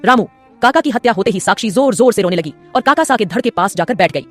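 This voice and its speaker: Fast-paced woman storyteller. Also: mid-range voice, animated, faint music behind. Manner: brisk, dramatic cliffhanger delivery. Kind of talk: dramatic story narration.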